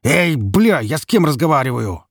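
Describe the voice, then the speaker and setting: A man's voice: medium pitch, brisk, gravelly, slightly rough, no room sound, clean studio sound. A man voicing a wounded, brutal middle-aged father who roars and curses in a spoken story. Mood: roaring. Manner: roaring and cursing.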